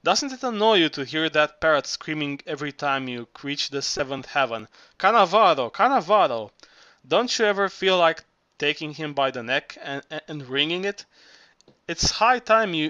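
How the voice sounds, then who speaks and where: A man's voice: a little high, animated, normal speed, pushed and bright, dry recording, dull audio. A man reading the part of a bookish younger man who speaks in a dry, teasing way.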